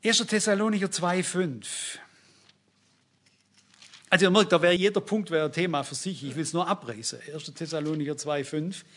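A man's voice: a little high, moderate pace, fairly bright tone. An older man preaching a sermon, emphatic and speaking directly to his congregation.

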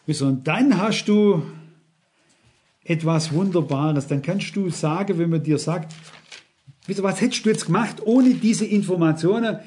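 A man's voice: sits high, moderate pace, a little mellow. A middle-aged man preaching a sermon, earnest and repetitive, often turning to the congregation with direct questions. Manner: earnest, repeats phrases, addresses the congregation directly.

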